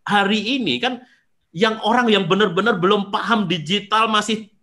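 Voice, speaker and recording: A man, a seminar organizer telling stories in casual conversation, animated, acting out quoted voices and dropping soft for emotional parts. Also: sits high, normal speed.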